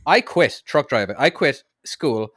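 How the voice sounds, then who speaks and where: A man co-hosting a casual podcast, telling lively stories with quick restarts. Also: mid-range voice, dry recording, studio quality. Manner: quick, animated storytelling with restarts. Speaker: podcast co-host, truck driver.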